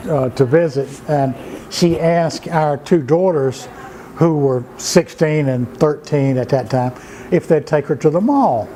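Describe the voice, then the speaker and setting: Faint background noise sits under this low-quality recording of an older Georgia man, a storyteller and writer, telling folksy family stories. He takes his time, stumbling over filler words and restarts as he goes. His voice is mellow and sits slightly high for a man.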